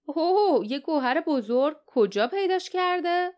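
A woman's voice: high-pitched, lively intonation, a little mellow, pitched above the performer's own voice. A woman voicing a cruel, mocking sea-raider chief who sneers at captives. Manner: scornful, sneering.

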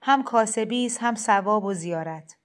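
A woman voicing a soft-spoken, coaxing male cleric. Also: medium pitch, natural voice. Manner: heavy, soft, kindly insistent. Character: gentle persuasive middle-aged male shrine cleric. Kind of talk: storybook reading.

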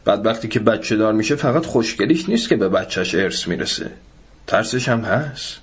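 A man plays a grave, calm village doctor explaining something earnestly. The voice stays fairly low and close to the narrator's own. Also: breathy edge.

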